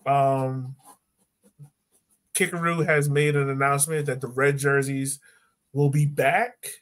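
A man in his thirties with an American accent speaks slowly in a steady, medium-pitched voice with a slight brightness. He hosts a casual, jokey and opinionated sports podcast from home over a video call.

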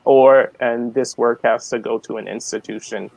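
A man of forty from the American South, a guest artist talking slowly and hesitantly on a video call, with many ums. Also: mid-range voice, fairly even intonation, gravelly, darkish tone, no echo, low-quality recording. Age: 40s. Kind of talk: casual video-call interview.

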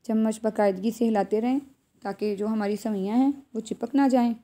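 Brisk and warm, with a slightly high voice and fairly even intonation, a home cook with a Pakistani accent narrates a recipe tutorial. She speaks directly to viewers, instructing them one step at a time.

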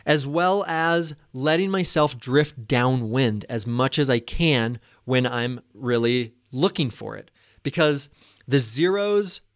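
A man in his thirties giving a casual, excited commentary over a replay of his own flight, at a desk microphone in a small room. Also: mid-range voice, slow, dry recording, studio quality. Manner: enthusiastic, casual, swears when excited. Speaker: paragliding vlogger. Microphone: desk microphone in front.

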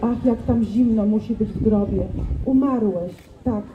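A woman reciting the part of a young village girl grieving her dead lover, slow and pleading, in a roomy school hall. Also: fairly high pitch, narrow, tinny audio, noisy background, natural voice. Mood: distraught. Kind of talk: poetry recitation.

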